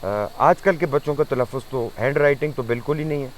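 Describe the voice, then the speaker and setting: A man's voice: fairly high pitch, slight background noise, low-quality recording. A man hosting an interview, prompting with short questions and frequent affirmations. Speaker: interview host. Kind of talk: conversational interview.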